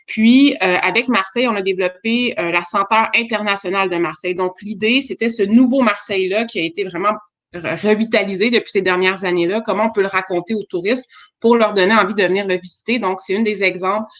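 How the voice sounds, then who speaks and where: Quebec french accent woman doing a casual startup pitch, mid pitch, kinda dull audio. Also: fast, fairly bright tone. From Quebec, Canada. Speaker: start-up presenter. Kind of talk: informal pitch presentation.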